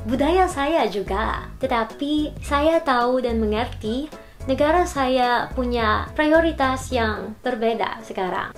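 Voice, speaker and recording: A woman with a Filipino accent speaks Indonesian as a foreigner who learned it. Her voice sits a little high. She explains things to viewers, dropping in English words, with faint music behind her. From Philippines. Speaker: language learner and YouTuber. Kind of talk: explanatory talk to camera.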